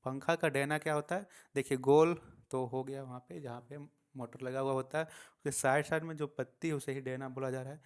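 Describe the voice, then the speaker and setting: A man's voice: mid-range voice, fairly even intonation, brisk, hardly any pauses, clean tone. A male teacher patiently explaining a textbook story to young schoolchildren. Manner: patient, explanatory, addresses the children.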